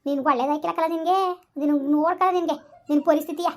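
A fiery village wife argues back and hurls curses at her husband, played by a woman. Her voice is high and shrill, and her words come out at a furious pace. It is a rural comedy sketch. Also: fairly even intonation, very fast. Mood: cursing. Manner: argumentative, shrill, cursing. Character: fiery village wife, quick-tongued and cursing.

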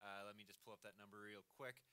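A man hosting a playful science live stream, wry with deadpan jokes. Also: fairly low pitch, fast, clear, resonant tone. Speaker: host.

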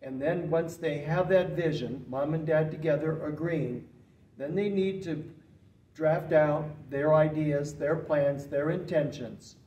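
An older man speaking as a guest expert in an interview, explaining in an earnest, emphatic and steady way, seated in a small indoor studio room. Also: on the high side, measured pace, highs cut off. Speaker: retired farm management professor, guest expert. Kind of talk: interview answers. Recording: roomy, slightly distant, faint hiss.

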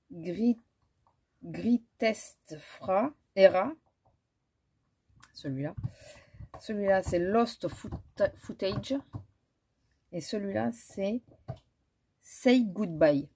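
Slow-talking husky woman. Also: medium pitch, mellow. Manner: chatty, hesitant, many fillers and restarts. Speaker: beauty vlogger. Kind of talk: casual haul chat with swatches.

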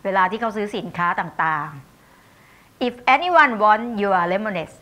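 A Thai-accented woman gives a university English lecture, her voice bright and clear. She speaks at a slow, unhurried pace, reading examples word by word. Between them she chats with her listeners and checks that they follow. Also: mid-range voice, sing-song. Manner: explains warmly and chattily, with tag questions and asides.

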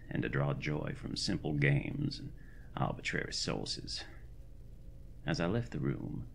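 A deep, gravelly male voice plays a full character: a fussy, caring country doctor of the 1920s reciting his journal in ornate, formal, antiquated diction for a horror audio drama. A little hiss or hum can be heard.

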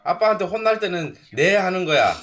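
A man's voice: high voice, expressive, a little fast, a bit bright. A man in his thirties, a father scolding his young child at home in a stern, firm, questioning way. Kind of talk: casual home video.

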